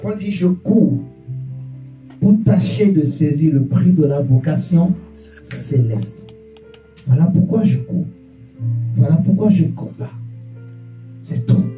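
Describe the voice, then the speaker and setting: A man preaches a fervent sermon, his voice high and mellow-dark in tone, pacing his words slowly. He hammers the same questions again and again and breaks into shouts, calling for answers from the pews. The sound is roomy and caught from a distance, with a faint guitar behind him. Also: expressive. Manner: repetitive, rhetorical questions, bursts of shouting. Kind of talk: fervent sermon with congregation call-and-response. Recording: echoey church room, distant mic, faint guitar.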